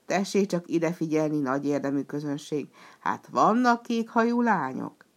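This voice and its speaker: A woman voicing a mocking, boisterous male clown who jeers loudly in a raised voice. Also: low-pitched, lively intonation. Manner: raised, jeering and loud.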